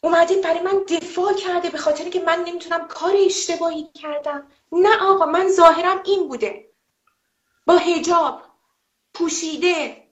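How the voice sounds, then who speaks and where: A woman, a former TV presenter, giving a personal testimony in an emphatic, indignant way with rhetorical questions. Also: very high voice. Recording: roomy, slightly dull audio.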